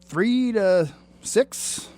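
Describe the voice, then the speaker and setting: A man appearing as a musician guest on a radio show, upbeat and quick to laugh. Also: sits high, dry recording, faint music behind. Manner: upbeat, laughs often, lively delivery. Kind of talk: casual radio interview.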